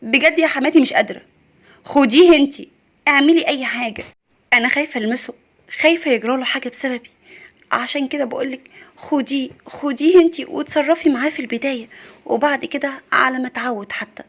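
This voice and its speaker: A woman's voice: sits high, fast talker, fairly bright tone. Woman playing an anxious young Egyptian mother. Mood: pleading. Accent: Egyptian Arabic. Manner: pleading, anxious. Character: distraught young new mother.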